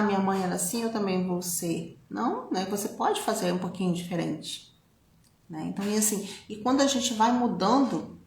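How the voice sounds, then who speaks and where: A woman's voice: medium pitch, slight background noise. A woman with a Brazilian Portuguese accent giving a reflective personal talk, conversational and full of tag questions. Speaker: speaker on self-knowledge. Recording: roomy echo.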